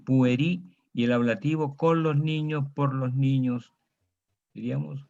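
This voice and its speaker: A man teaches a Latin grammar lesson in a patient, steady way, walking students through each case and checking they follow. His voice sits at a middling pitch. The recording sounds dull and lo-fi. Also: a little slow, vocal fry. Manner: patient, drills students on declensions, frequent "¿ah?".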